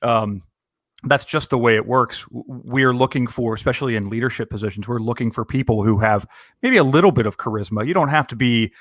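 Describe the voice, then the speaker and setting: A man's voice: medium pitch, fairly quick, a bit bright, no echo, clean studio sound. A man co-hosting a podcast who works as a recruiter, speaking earnestly with frequent restarts and repeated words. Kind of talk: casual podcast conversation.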